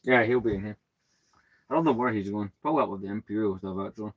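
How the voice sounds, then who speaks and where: A man from the UK with a British accent, hosting a casual livestream in a calm, soothing voice and a rambling, chatty, self-deprecating manner. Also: fairly low pitch, fast, muffled recording. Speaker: host.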